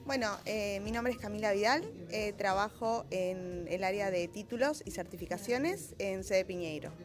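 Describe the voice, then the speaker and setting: A woman in her thirties with an Argentine accent talks casually about her work, pausing often on fillers. Clear background music runs beneath her voice throughout. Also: mid-range voice. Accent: Argentine Spanish. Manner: hesitant, many fillers. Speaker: university staff member interviewed. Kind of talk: casual testimony.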